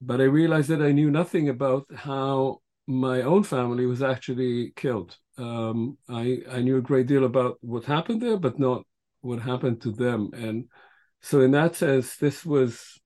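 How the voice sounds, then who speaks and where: A man in his sixties from Israel speaks as a guest historian in a podcast interview. His voice is mellow and warm, and he talks in a measured way, pausing often as he thinks. He answers at length and reflectively. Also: medium pitch. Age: 60s. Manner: measured, frequent filler pauses.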